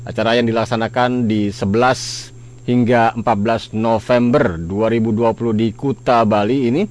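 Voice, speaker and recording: Man, radio news presenter, halting delivery, medium pitch, noisy hum. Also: a little mellow. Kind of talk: live radio news bulletin read with ad-libbed links. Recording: radio broadcast with clear hum noise.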